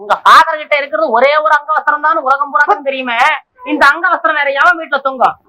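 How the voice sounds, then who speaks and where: Here a scatterbrained young husband in a 1960s film comedy. His voice sits high and bright, and he rattles along quick, teasing and muddled. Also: exaggerated voice, rough recording. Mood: bargaining. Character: absent-minded young husband, comic, scatterbrained. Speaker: film actor.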